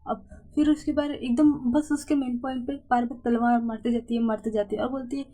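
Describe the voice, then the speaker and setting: A woman's voice: on the high side, steady tone, fairly quick, dark tone, rough recording. A woman narrating a comic recap in a chatty, loose storytelling way.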